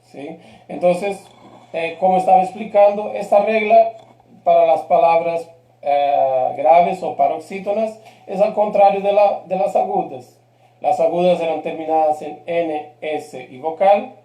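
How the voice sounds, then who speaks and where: Man, patient teacher, checks in often, high voice, roomy echo. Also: a little slow, mellow. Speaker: Spanish teacher. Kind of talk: live online grammar lesson.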